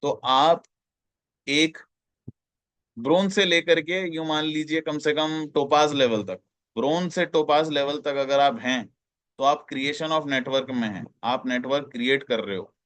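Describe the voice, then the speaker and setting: A man's voice: fairly high pitch, measured pace, a bit bright, dry recording. A man training direct sellers, explaining slides in a repetitive, emphatic way and addressing listeners as companions.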